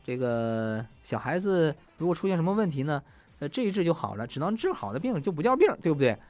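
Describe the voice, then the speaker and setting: Host type: jokey man, very animated pitch, chatty. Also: fast talker, no echo, soft background music. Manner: jokey, laughs often. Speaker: host reading listener messages. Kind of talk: casual chat.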